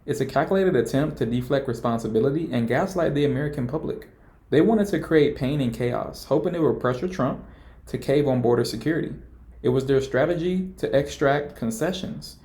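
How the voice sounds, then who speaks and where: A man narrating scripted political commentary with a mellow, darker tone at an ordinary pitch. His delivery is indignant and emphatic, with a mocking edge. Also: a little fast.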